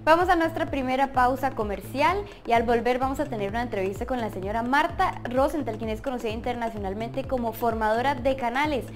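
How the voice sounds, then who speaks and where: A young female TV presenter reads polite, scripted introductions in the studio. Her voice is quite high, with soft music playing behind her. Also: a little fast, few pauses. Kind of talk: news presenting and interviewing. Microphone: lapel.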